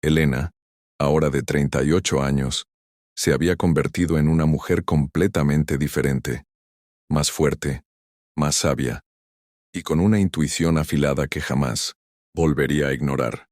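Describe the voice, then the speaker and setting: Male storyteller for a sentimental story, very deep and measured, dry sound. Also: fairly even intonation, darkish tone, no echo. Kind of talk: scripted story narration.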